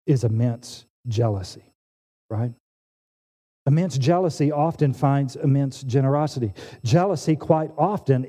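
A man in his forties preaching a sermon, animated and emphatic, often restarting his phrases. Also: mid-range voice. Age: 40s. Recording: long hall reverb.

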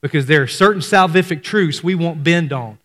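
Male pastor, conversational sermon delivery, slightly higher voice, hushed drops for emphasis, long hall reverb. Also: moderate pace.

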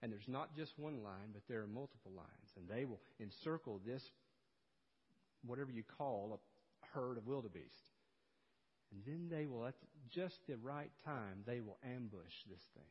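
A man preaching an expository sermon, telling stories and swinging between loud emphasis and hushed, low passages. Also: expressive, normal speed, breathy edge. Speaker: pastor. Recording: dull sound with long hall reverb.

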